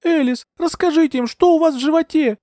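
A man reading an audiobook, voicing a desperate young woman heroine in pleading, shouted protests. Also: very high-pitched, a little fast, no echo, clean studio sound, voice pushed up. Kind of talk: audiobook character voice.

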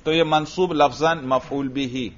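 A man's voice: mid-range voice, steady tone. A man teaching an Arabic grammar lesson, questioning a student and repeating the answers. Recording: dull lo-fi audio.

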